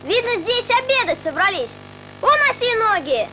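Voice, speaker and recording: A woman's voice: very high voice, sing-song, moderate pace, bright, forceful tone, slight background noise, exaggerated voice, poor audio. A woman playing a cheeky, spirited orphan boy in a theatrical comedy film. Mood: excited. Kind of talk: theatrical comic film acting.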